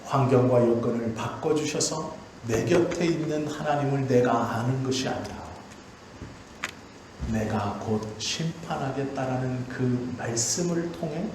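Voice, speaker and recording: A male pastor preaching a sermon with passion, his voice rising high and then sinking low and quiet. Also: noisy background. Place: church sanctuary. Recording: very echoey church hall, faint ambience.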